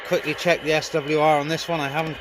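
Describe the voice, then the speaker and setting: A CB radio hobbyist vlogger with a British accent gives quick, flat, casual commentary in a somewhat high voice as he sets up radio gear. He stands by a vehicle on a windy hilltop, and the noisy handheld recording picks up wind and radio noise.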